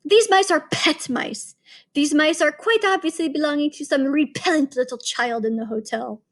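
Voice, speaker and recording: A shrill, imperious witch leader, put on by a woman reading aloud barks out her commands with cold authority. Her voice sits high and cuts through, the tone of someone used to total obedience. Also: moderate pace. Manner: imperious, barking orders.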